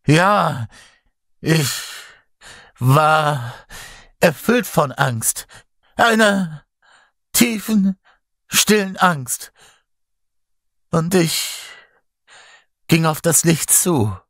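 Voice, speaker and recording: A man voicing a weak man risen from the dead, with a gurgling, rattling voice and halting speech. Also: on the low side, animated, slightly rough, no echo, studio quality, full character voice. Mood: fearful.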